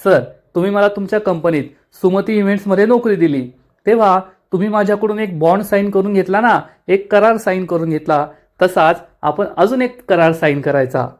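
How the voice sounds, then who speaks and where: Guy doing a cheeky young woman from a tv serial, bubbly, teasing, high voice. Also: a little fast, close to an everyday voice. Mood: playful.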